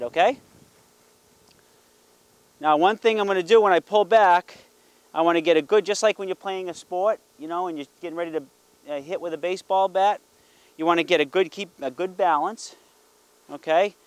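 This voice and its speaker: A man's voice: sits high, normal speed, long pauses, clear, resonant tone, no room sound. A middle-aged man with a folksy, encouraging barbecue-dad manner, explaining things casually as he hosts. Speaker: dad hosting a hunting and fishing show. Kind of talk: casual explaining to family and camera.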